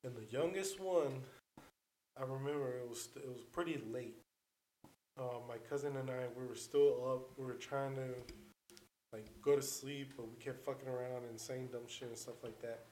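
A man with an average-pitched voice tells a story in a relaxed, rambling way. He leans on filler words and swears freely, like he's chatting with friends. The room around him gives the voice a noticeable echo. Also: moderate pace, a little hiss or hum. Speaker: storyteller on a podcast. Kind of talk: casual chat. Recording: roomy echo.

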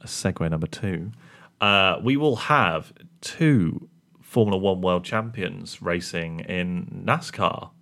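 A man's voice: sits low, slow, gravelly, fairly bright tone. A man co-hosting a podcast, chatting casually and rambling through tangents with self-mocking jokes. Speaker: podcast co-host. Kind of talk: casual chat.

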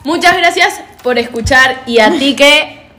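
A woman host closing a casual podcast episode with relaxed, chatty farewells. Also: high voice, a little slow, slight background noise.

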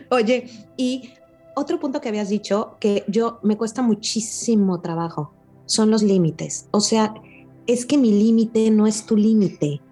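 Mellow-voiced woman hosting. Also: medium pitch, unhurried, soft background music. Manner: expressive, acts out relatives' scolding voices. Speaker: host. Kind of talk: casual podcast conversation.

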